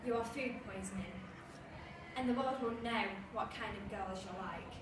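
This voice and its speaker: A woman performing a monologue as a bitter, defiant bullied schoolgirl, with a measured, scornful delivery. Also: mid-range voice, lightly acted. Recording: echoey room, far mic, noisy.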